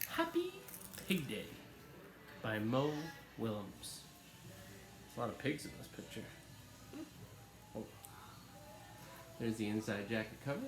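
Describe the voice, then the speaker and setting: A man's voice: fairly low pitch, unhurried, pauses often. Man reading a picture book aloud. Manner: friendly, chatty asides to children. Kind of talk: children's read-aloud. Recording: echoey room with background music.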